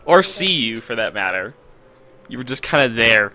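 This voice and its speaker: A man reading a visual novel aloud and bantering, animated and quick to shout in mock outrage. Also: mid-range voice. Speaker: let's play host.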